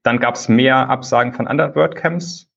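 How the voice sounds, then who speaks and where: A man being interviewed over a low-quality phone call, explaining things at length in a loose, conversational way. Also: normal speed, gravelly, fairly bright tone, slightly rough. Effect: low-quality phone call recording. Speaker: conference lead organizer, interview guest. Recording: dull lo-fi phone call audio.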